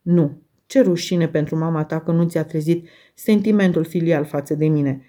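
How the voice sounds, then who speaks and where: A woman's voice: low voice, steady tone, mellow, close to an everyday voice. A woman reading the lines of a harsh, scornful, mocking father in an audiobook.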